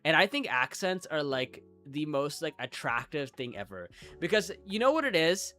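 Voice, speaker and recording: Speaking at a moderate pace, this chatty young man from the Midwestern United States has a slightly high, pushed, bright voice with big pitch swings. He wanders through a relaxed live-stream conversation, leaning on "like" and poking fun at himself over soft background music.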